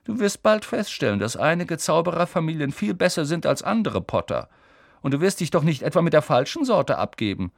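An arrogant schoolboy with a pitched-up, drawling voice mocks and threatens, as a male narrator puts him on. His tone swings lively and sharp, and the audiobook sound is dry and close. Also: fairly quick, gravelly, dry recording, full character voice. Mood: sneering. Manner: drawling, mocking.

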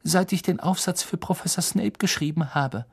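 A man voicing a clever teenage witch girl in a storybook reading, talking urgently and insistently, far higher than his own voice. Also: normal speed, slightly rough. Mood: earnest.

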